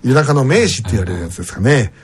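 A man hosting a casual radio show, reading a letter aloud with animated asides. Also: medium pitch, very fast, a little hiss or hum.

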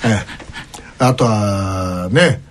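A man's voice: on the low side, extremely slow, a little hiss or hum. A man hosting a casual chat, rambling through jokey schemes and laughing often.

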